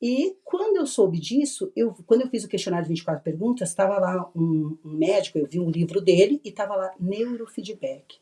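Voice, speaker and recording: A middle-aged woman from Brazil speaks as a podcast guest, her voice mellow and soft-edged at a middle pitch. She tells her story in an animated, conversational way and laughs easily. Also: brisk, few pauses. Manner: animated, acts out remembered dialogue, laughs often. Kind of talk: casual interview storytelling.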